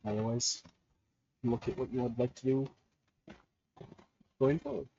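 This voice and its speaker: A man running a tabletop game as game master, talking in a relaxed, conversational way with frequent restarts. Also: mid-range voice, unhurried, vocal fry, muffled recording. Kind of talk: narrating a tabletop game over voice chat.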